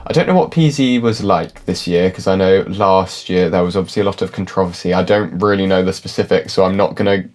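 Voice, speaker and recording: A man's voice: low voice, fairly quick, hardly any pauses. A man, a classically trained musician, giving casual reaction commentary and musical analysis in a chatty, hedging way, often saying "like". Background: faint music from the reacted video.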